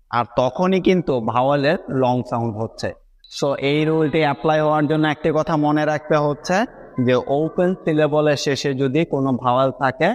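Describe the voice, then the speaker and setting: A young man teaching English pronunciation rules patiently, often checking that his viewers follow. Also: fairly high pitch. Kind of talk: explaining a lesson to students.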